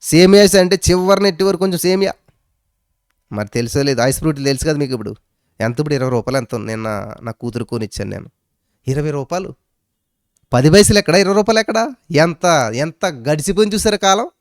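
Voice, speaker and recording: A man's voice: expressive, quick pace, pauses often, dry recording, studio quality. A man preaching a sermon, his voice rising and dropping sharply as he drives points home, with English phrases mixed in. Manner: preaching with sudden rises and drops in pitch and loudness. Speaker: pastor.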